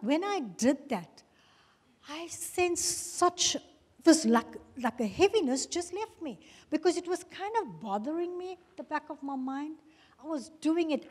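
A woman in her sixties giving an emotional testimony at a women's church session, telling her story with lively feeling and laughing easily. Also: sits high, in a large hall. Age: 60s. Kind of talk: testimony talk. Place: church hall.

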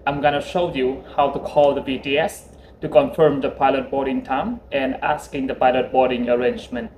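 Young male seafarer, non-native English, slightly high voice, instructional radio-call delivery in an echoey cabin. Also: darkish tone. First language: not English. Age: young adult. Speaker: seafarer and vlogger. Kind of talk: instructional vlog with marine radio calls. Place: small indoor room aboard a ship. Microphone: phone at arm's length. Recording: echoey cabin with faint noise.

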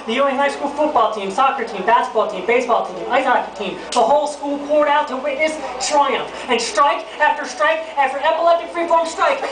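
A man performing comic slam poetry on a lounge stage, telling a rhythmic story in lists. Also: very high-pitched. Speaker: slam poet. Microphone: far camera. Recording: roomy lounge, far mic, crowd.

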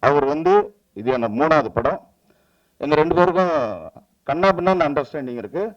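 Man, director at press meet, fairly high voice, dull lo-fi sound. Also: fairly quick, slight background noise. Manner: animated storytelling, acts out quoted dialogue. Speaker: film director.

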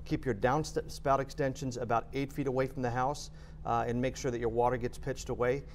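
A man's voice: medium pitch, fairly even intonation, fairly quick, a little hiss or hum. A middle-aged man, a guest expert on a TV studio show, explaining plainly with occasional filler words. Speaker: basement waterproofing expert guest. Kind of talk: explaining on a TV interview. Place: TV studio set.

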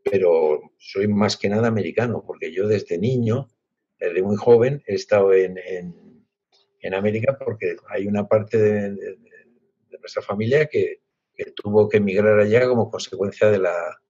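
A Spanish author in his sixties from the Basque Country speaks reflectively from his home library over a video call, halting often and restarting his sentences. His voice is on the low side, warm and husky. It comes through a laptop webcam as dull, lo-fi call audio.

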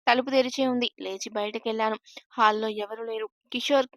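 A woman narrating a first-person story in a steady, even storytelling voice. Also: fairly high pitch, a little fast, no echo, clean studio sound.

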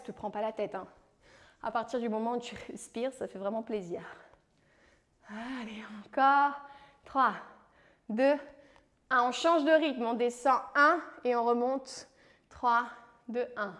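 A high-voiced woman from France leads a home leg workout as a fitness coach. She calls out moves, counts down reps and keeps the session light with playful encouragement. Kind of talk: guided home workout instruction.

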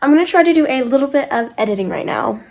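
A teenage vlogger narrates a casual travel vlog, cheerfully going over her plans for the day into a phone held at arm's length in condo rooms and a car. Her high voice is animated, fast and darkish in tone, with vocal fry. Soft music plays behind her.

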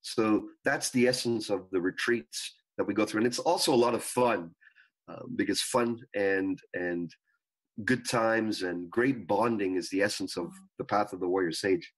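A man speaking as a spiritual guru and coach in an interview, teaching earnestly in measured phrases. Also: on the low side, poor audio. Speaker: spiritual coach and retreat leader, guest. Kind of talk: interview talk, explaining teachings.

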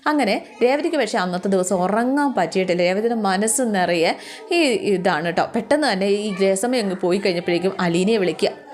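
Woman narrating a story, chatty asides, medium pitch. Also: a little fast, darkish tone. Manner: conversational, with friendly asides to listeners. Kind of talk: narrating a spoken drama story.

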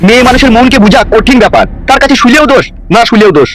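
A man with a very high-pitched voice talks very fast as a brash politician in a comedy cartoon, coaxing his new bride with wheedling, boastful, crude talk. He sounds indignant and boastful, with music behind him.

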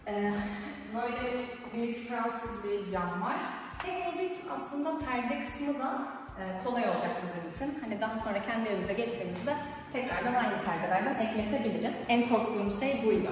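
A woman in her twenties with a fairly high voice chats casually to viewers while giving a vlog tour of an empty apartment. Filmed indoors by a camera or phone a few steps away, the sound echoes heavily off the bare rooms.

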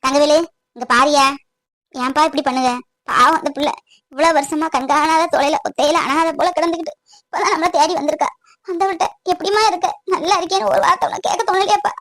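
Woman doing an aging cartoon mom, pleading softly, voice pitched way up high, dry close sound. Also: steady tone, quick pace, no room sound. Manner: tender, pleading, scolding gently. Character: aging mother pleading with her grown son. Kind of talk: cartoon voice acting.

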